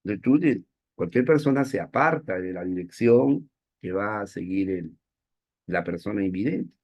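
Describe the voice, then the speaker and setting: Playful teacher. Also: male voice, fairly low pitch, lively intonation, normal speed, a little mellow, breathy edge, muffled recording. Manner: playful, self-mocking, asks the class questions. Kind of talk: classroom lecture.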